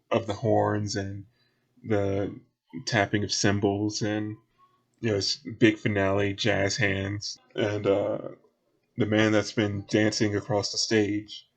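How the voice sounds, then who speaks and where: A man with a fairly low voice narrates a tabletop game as game master. He rambles in a relaxed way, with many small fillers, as he sets each scene.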